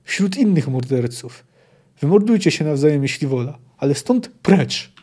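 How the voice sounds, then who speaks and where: A man's voice: fairly high pitch, normal speed, mellow, breathy edge. A man reading the lines of a frightened but defiant male halfling surgeon who speaks shakily yet firmly. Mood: furious. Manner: shaky yet firm.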